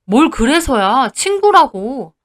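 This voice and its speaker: A woman's voice: high-pitched, sing-song, takes it slowly, pitched above the performer's own voice, exaggerated voice. A woman voicing a smug, dismissive husband who mocks his wife. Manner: mocking, dismissive.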